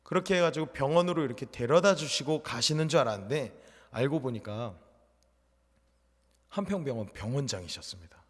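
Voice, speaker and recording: A man's voice: mid-range voice, lively intonation, fairly quick, breathy edge. Young male junior pastor, personal-testimony sermon, big dynamic swings, long church reverb. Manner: storytelling testimony, swinging between loud and hushed. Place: church sanctuary.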